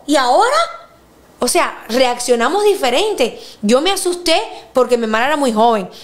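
A woman in her thirties with a high voice talks casually as a podcast host. She tells personal stories with energy and jumps up in pitch when she acts out what people said. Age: 30s. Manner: lively storyteller, acts out quotes with big pitch jumps. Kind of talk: casual chat.

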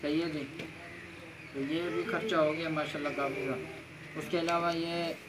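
A man's voice: on the high side, little pitch movement, unhurried. A man in his thirties from Pakistan, chatting casually with his kids as a family vlogger outdoors. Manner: chatty, teasing questions to the kids. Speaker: vlogger, father. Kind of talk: casual family vlog chat. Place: outdoor village courtyard. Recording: outdoor courtyard with clear noise.

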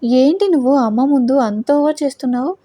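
A woman's voice: high voice, expressive, a little fast, mellow, dry recording. A woman voicing a cold, domineering young husband in a storybook audio drama. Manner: cold, commanding.

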